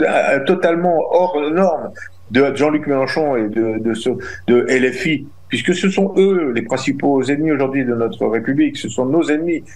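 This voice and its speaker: In a rough recording, a middle-aged guest who represents his community answers questions in a mid-range, darkish voice. He's emphatic and indignant, repeatedly restarting what he says.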